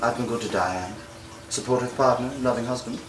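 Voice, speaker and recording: A man acting out a cornered husband who dodges every accusation with wry excuses, in scene work for an acting class. His voice sits at an ordinary male pitch and carries through a roomy space from some distance off. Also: a little fast, noisy background, lightly acted. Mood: defensive. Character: defensive adult man accused of cheating. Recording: echoey room from a distance.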